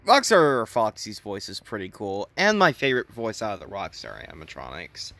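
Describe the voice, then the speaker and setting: Animated young man giving opinions. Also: fairly low pitch, normal speed, gravelly, dry recording. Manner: opinionated, stumbling restarts, animated. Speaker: video commentator. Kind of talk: casual commentary.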